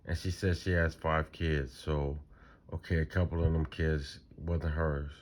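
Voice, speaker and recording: A man running a reaction channel talks casually about a clip he's watching, sounding incredulous and repeating himself in a conversational way. His voice is a low rumble with little pitch movement, and he speaks a little slowly.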